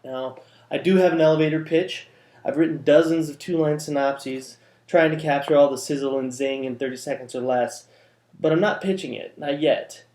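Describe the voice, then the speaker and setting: A man's voice: on the high side, moderate pace, a little mellow. Wry man vlogging in an echoey room. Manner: wry, dry humor with playful wordplay. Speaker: vlog host, novelist. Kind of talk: casual talking-head vlog.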